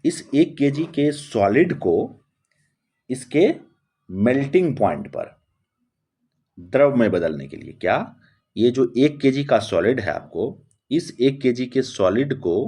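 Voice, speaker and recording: A man's voice: lowish voice, dark tone, breathy edge. A man teaching chemistry in a lesson, repeating key terms word by word and answering his own rhetorical questions. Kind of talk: classroom-style lesson explanation.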